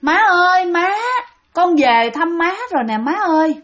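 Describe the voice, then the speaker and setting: A woman's voice: high voice, lively intonation, moderate pace, pitched above the performer's own voice. A woman voicing the spirit of a dead young man, speaking tearfully and tenderly.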